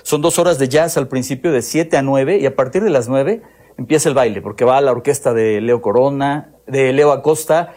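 A man's voice: medium pitch, normal speed, a little mellow. A man, a music journalist, speaking on a radio interview in an enthusiastic, explanatory way.

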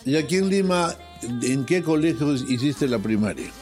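A man's voice: a little high, lively intonation, moderate pace, a little mellow, faint music behind. A man hosting an interview, asking casual questions and teasing his guest. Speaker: interviewer, host.

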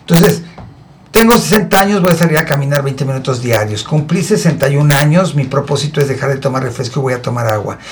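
A radio talk show host in his sixties with a Mexican Spanish accent gives emphatic, preachy lifestyle advice in a casual chat. He talks fast at a medium pitch, and there's a little hiss or hum.

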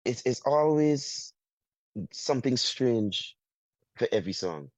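A man from Guyana with a Guyanese accent, a soca artist talking in a casual interview, halting and full of restarts. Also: mid-range voice, lively intonation, a little mellow, dry recording. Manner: halting, many restarts, drawn-out phrases. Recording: dull, muffled sound.

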